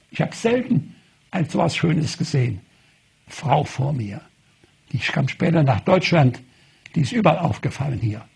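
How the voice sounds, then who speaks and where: An older man tells personal stories in a gravelly, husky voice, with a pitch that leaps up and down. He is a lively storyteller who acts out both sides of each exchange. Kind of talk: personal anecdote told to an audience.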